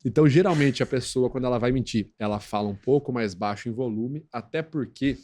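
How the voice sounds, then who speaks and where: A man's voice: a little fast, darkish tone, a little hiss or hum. A man with a Brazilian accent speaking as a guest expert on a podcast, explaining step by step in a teaching tone and often checking in with "né?" and "tá?". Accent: Brazilian Portuguese. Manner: didactic, peppers talk with tag questions; acts out quoted voices in a high squeak. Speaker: guest expert on lie detection. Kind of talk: explanatory podcast interview talk.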